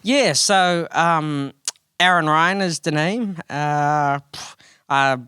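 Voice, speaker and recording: A New Zealand man in his thirties, guest co-hosting a podcast and telling stories about himself in a relaxed, chatty way, laughing often. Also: a little high, takes it slowly, clear, resonant tone, no room sound, studio quality. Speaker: guest co-host. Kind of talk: casual podcast chat.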